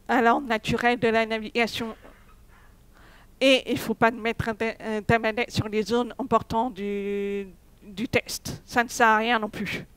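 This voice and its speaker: Woman speaker at a dev conference, lots of euhs and restarts, smooth voice, dry close mic. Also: a little high, a bit bright, no echo. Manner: hesitant, many fillers and restarts. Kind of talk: technical conference talk. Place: conference hall.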